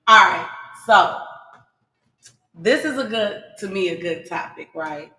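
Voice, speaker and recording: A woman's voice: on the low side, lively intonation, slow pace, pushed and bright. A woman in her forties hosting a podcast, chatty and asking her guests questions. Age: 40s. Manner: chatty, laughing, asks questions. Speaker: podcast host. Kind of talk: casual chat. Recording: roomy echo.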